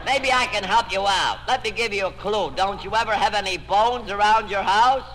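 A man with a high-sitting, sharp-toned voice speaks at normal speed as a sarcastic, long-suffering quizmaster in an old-time radio comedy quiz. He sounds sardonic and exasperated, and the recording is a noisy old broadcast from an echoey hall.

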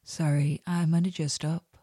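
A woman voicing a soft-spoken, affectionate young woman with a soft, warm way of talking. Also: low-pitched, flat delivery, measured pace, husky, no room sound, clean studio sound.

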